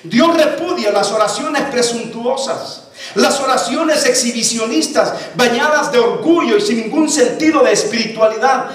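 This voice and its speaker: A man's voice: very high voice, moderate pace, a bit bright. Man, pastor, sermon, emphatic, rhetorical questions, strong church reverb, distant mic. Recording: very echoey church hall, mic far off.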